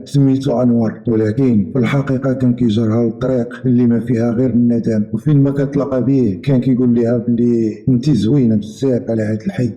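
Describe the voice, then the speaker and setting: A man with a Moroccan accent narrating a story in a steady, earnest first-person telling. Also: medium pitch, poor audio.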